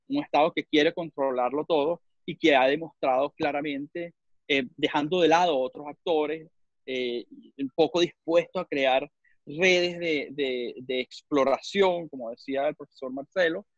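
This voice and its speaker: A man's voice: on the high side, dry recording. A man from Venezuela with a Venezuelan accent, speaking as a webinar panelist and often stopping to search for words. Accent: Venezuelan Spanish. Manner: halting, searches for words with many repeats. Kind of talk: panel discussion on a video call. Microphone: video call. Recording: muffled video call audio.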